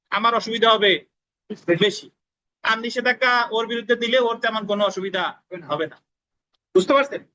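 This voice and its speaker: A man's voice: high voice, sharp tone, lo-fi sound, slight background noise. A man giving a classroom law lecture, repeating key points, asking students whether they understand, and dictating spellings letter by letter. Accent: Bangladeshi Bengali. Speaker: law tutor.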